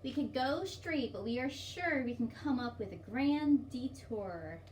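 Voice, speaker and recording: A woman with a fairly high, darkish voice reads a picture book to young children, speaking at a measured pace with animated delivery. As story time host, she gives simple, encouraging explanations and questions. The distant mic also picks up faint background noise.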